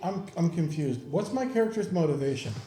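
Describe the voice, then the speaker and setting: Self-mocking player, animated delivery, echoey with soft music. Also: mid-range voice, brisk. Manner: joking, self-deprecating. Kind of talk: tabletop role-play banter.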